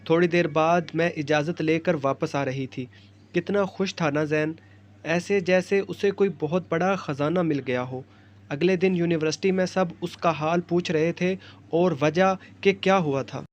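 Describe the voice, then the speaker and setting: A male storyteller giving a scripted, emotional reading of a love story. His voice sits a little high, and his delivery is reflective and heartfelt.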